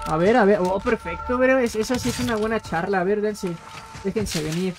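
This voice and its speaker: A man's voice: high voice, a little fast. A man chatting casually on a game live stream, rambling in slang and repeating words as he plays. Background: game music.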